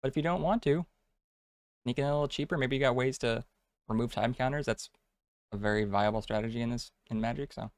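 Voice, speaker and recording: A man's voice: medium pitch, fast, dry recording. Casual, slangy man chatting on a dry mic. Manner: laid-back slang, says dude often. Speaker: co-host of a card game stream. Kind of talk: casual chat, off-the-cuff commentary.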